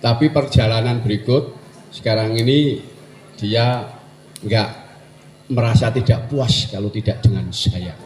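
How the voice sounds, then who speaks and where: A man's voice: medium pitch, unhurried, long pauses, darkish tone. A man in his sixties, a dancer, talking casually and animatedly, with Javanese phrases. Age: 60s. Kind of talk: casual conversation. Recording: echoey room.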